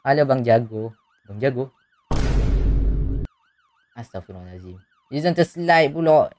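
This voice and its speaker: A man's voice: medium pitch, lively intonation, a little slow, darkish tone, dry recording. A man chatting casually on a live stream, greeting and thanking viewers and laughing often. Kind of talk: casual live-stream chat while gaming.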